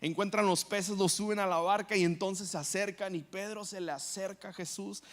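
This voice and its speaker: A man's voice: high voice, fairly even intonation, moderate pace. A man preaching a sermon as pastor, telling a story and acting out the quoted lines.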